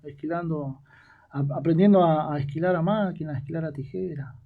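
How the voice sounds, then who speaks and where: Halting man with gravelly voice. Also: fairly high pitch, phone-quality sound. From Argentina. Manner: halting, repeats words. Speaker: guest, former ranch hand. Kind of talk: storytelling interview.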